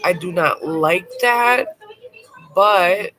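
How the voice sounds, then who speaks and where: A makeup vlogger with a bad cold speaks very slowly but animatedly in a lowish voice, over a noisy background. Her casual livestream review is chatty and blunt, sprinkled with casual swearing.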